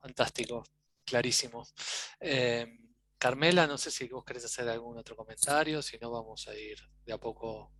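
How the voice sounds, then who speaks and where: A man leads an academic session. His voice is gravelly with a bright, forceful edge, and he speaks formally in measured phrases. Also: medium pitch. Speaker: coordinator, university lecturer. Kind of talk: formal academic closing remarks.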